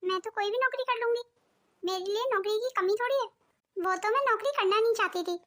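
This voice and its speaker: A woman's voice: extremely high pitch, fairly quick, fairly bright tone. A woman voicing a jealous, scheming young daughter-in-law in a cartoon, with a sulky, complaining manner. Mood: resentful.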